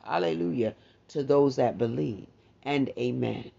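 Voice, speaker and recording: A man's voice: medium pitch, unhurried, vocal fry, mellow. A man preaching a morning devotional message, urging listeners on with repeated declarations. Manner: exhorting, repetitive, declarative. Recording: dull lo-fi recording.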